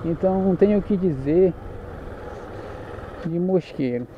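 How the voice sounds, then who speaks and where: A man's voice: high-pitched, measured pace. A man with a Paraense Brazilian accent chatting casually and joking as he rides a motorcycle through town, correcting himself as he goes. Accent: Paraense Brazilian Portuguese. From Pará, Brazil. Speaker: motorcycle vlogger. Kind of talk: casual chat while riding. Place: on a motorcycle in the street outdoors. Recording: muffled with loud road noise. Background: engine and traffic noise.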